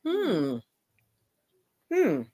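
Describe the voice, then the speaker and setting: A woman's voice: mid-range voice, wildly swooping pitch, extremely slow. A woman co-hosting a casual radio chat, agreeable and full of approving hums. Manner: warm, agreeable, lots of hums. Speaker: co-host.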